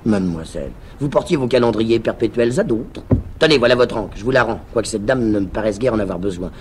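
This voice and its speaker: Man doing arch teasing young lady, scheming, raised voice, animated pitch, radio play reading. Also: fast, background noise, natural voice. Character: young woman, teasing and scheming teacher's daughter.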